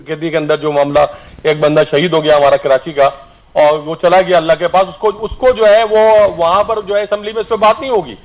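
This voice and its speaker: A man's voice: on the high side, fairly even intonation, fairly quick. A man joining a televised political debate over a phone or video-call line that sounds distant and breaks up, speaking bluntly. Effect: heard over a phone or video-call line, distant and breaking up.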